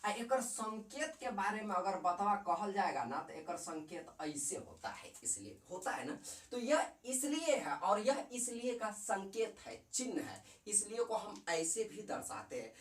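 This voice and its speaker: A man with a Bihari accent teaches chemistry in a casual classroom manner, often repeating himself and throwing questions at the viewer. His pitch rises and falls a lot as he talks. He sounds set back from the mic in an echoing room. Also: sing-song, measured pace, distant mic. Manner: chatty, repeats and quizzes the viewer, mixes in dialect.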